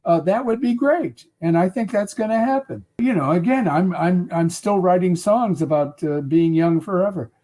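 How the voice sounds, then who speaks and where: A man in his eighties answering interview questions in a halting way, full of filler sounds and restarts. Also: high voice, dark tone. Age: 80s. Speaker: interview guest.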